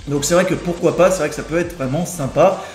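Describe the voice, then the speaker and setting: Young male gaming vlogger, high voice, rambling delivery, echoey room, soft music bed. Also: fast. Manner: rambling, many fillers and restarts. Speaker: gaming YouTuber. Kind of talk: casual gaming video commentary. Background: faint background music.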